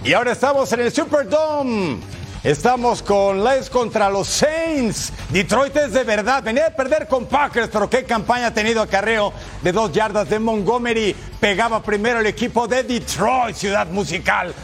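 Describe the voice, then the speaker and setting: A man presenting American football highlights with touchdown calls, playful and exclamatory, throwing in rhetorical questions. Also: lively intonation, normal speed, a bit bright, soft background music.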